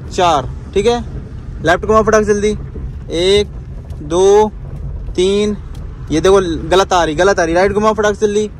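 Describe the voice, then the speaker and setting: A man's voice: sits high, a little fast, slight background noise. A man giving a driving lesson from inside a car, talking his student through each step and repeating his commands. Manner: instructive, repeats commands, tags lines with "ठीक है". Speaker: driving instructor.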